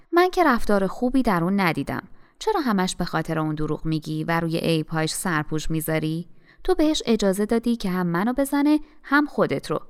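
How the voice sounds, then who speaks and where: A woman's voice: lowish voice, clean tone. A woman reading the lines of a wounded young man reproaching his mother in an audiobook. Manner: pleading, reproachful.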